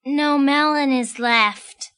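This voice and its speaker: A woman voicing an earnest child in a storybook, phrased simply and slowly, as if reading to a toddler. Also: high-pitched, fairly even intonation, sharp tone, dry recording, clean studio sound, full character voice. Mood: dismayed. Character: cartoon children at a picnic, squeaky and earnest. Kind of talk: storybook character voices in a reading lesson.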